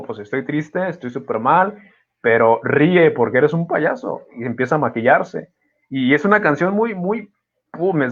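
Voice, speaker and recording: Reflective man on dull lo-fi audio. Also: medium pitch. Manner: reflective, many fillers and restarts. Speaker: podcast host. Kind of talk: casual conversation.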